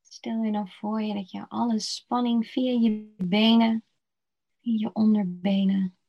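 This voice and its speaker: A woman guiding a slow body-scan relaxation meditation in a soft, soothing voice with long pauses. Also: mid-range voice, steady tone, vocal fry. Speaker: meditation guide. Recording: dull lo-fi recording.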